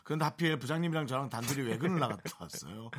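A man's voice: mid-range voice, expressive, rapid-fire, a bit bright, a little hiss or hum. A male radio host chatting casually in a studio, teasing his co-host and laughing often. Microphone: studio mic.

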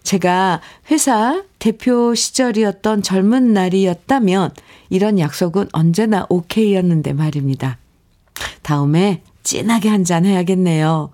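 A middle-aged woman hosting a radio show, reading a poem and listeners' letters in a gentle way and laughing often. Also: lowish voice. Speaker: radio host. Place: radio studio. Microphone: studio microphone.

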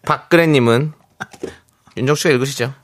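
A man hosting a radio show, telling a listener's story and reading out messages in a brisk way. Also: medium pitch. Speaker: radio host.

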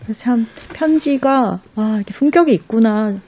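A woman talking casually about books she recommends, sometimes reading passages aloud slowly. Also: on the high side, mellow. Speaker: book recommender guest.

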